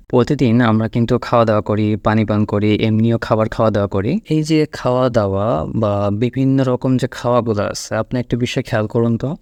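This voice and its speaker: A man's voice: mid-range voice, a little mellow, no room sound. Man teaching English, dry sound. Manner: explanatory, repeats words slowly for learners. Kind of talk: online language lesson.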